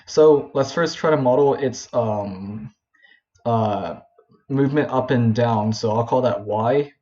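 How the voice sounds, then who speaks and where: A young man explains a physics problem at a whiteboard in loose, casual speech, full of fillers and quick corrections. His voice is mellow and a little dark. The recording is dull and lo-fi, like a simple home setup. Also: medium pitch. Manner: informal, many fillers and self-corrections. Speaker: physics tutor.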